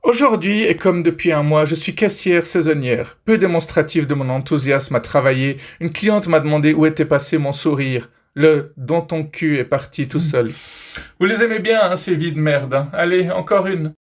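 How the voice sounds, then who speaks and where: Playful man with a slightly high voice. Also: moderate pace. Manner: playful, teasing, chatty asides. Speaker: comedy video host. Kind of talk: joking commentary on pictures.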